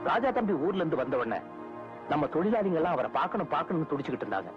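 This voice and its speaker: A man playing a scheming manager who plots to grab a widow's property, speaking in a cunning, brisk way, from an old film soundtrack. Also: a little high, sing-song. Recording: dull old film audio with music.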